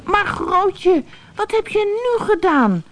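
A woman voicing a small bramble boy in a storybook, speaking high and pleading. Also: very animated, slow, full character voice. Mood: upset.

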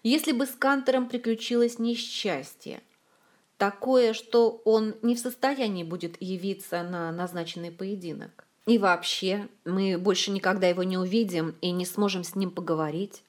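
A woman's voice: medium pitch, fairly even intonation, normal speed, lightly acted. A woman voicing a stern, pitiless queen who speaks in a cool, matter-of-fact way.

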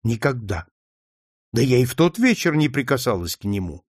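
A man's voice: medium pitch, big pitch swings, normal speed, dry recording, studio quality. A man reading a meek young accused fiancée. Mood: earnest defensive. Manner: quiet, earnest.

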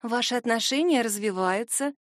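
Woman reading a gentle, cheerful young mage. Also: a little high, moderate pace, no room sound, clean studio sound, natural voice.

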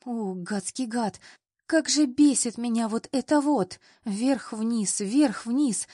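A woman's voice: fairly high pitch, dry recording, clean studio sound. A woman doing a flustered clumsy young woman. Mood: embarrassed. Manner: excitable, embarrassed, quick to protest.

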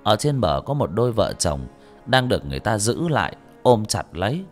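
Brief: male story narrator, lowish voice with lively pitch, faint music behind. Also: brisk. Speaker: audiobook narrator.

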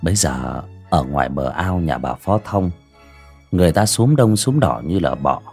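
A man narrating a village ghost story on a livestream, pausing and repeating words as he goes. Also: very deep voice, lively intonation, a little mellow, breathy edge, soft background music. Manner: hesitant, repeats words and restarts.

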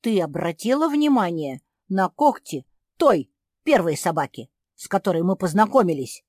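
A woman's voice: on the low side, very animated, a little mellow, no room sound, studio quality. A woman doing an eager little pug girl. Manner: eager, quick questioning. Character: excitable young female pug detective.

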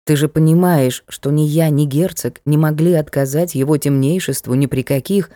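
A woman reading an audiobook voices a patient male butler who explains things quietly. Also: low voice, moderate pace, no echo, clean studio sound, close to an everyday voice. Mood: placating.

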